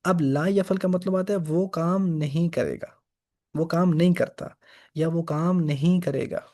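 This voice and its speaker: A man's voice: on the high side, steady tone, a little slow, dark tone. A man teaching Arabic grammar for reading the Quran, patiently repeating each example. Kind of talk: grammar lesson.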